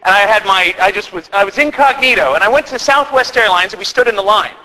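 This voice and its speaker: A priest doing live stand-up, chatty and self-deprecating, acting out the lines of the people in his story. His voice sits high and sounds very bright. It carries the long echo of a parish hall, with faint noise underneath. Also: quick pace.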